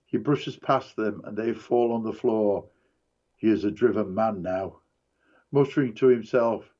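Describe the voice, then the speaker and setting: A man reading a dramatic book passage aloud in a measured, deliberate way. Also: mid-range voice, warm tone, lo-fi sound. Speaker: narrator.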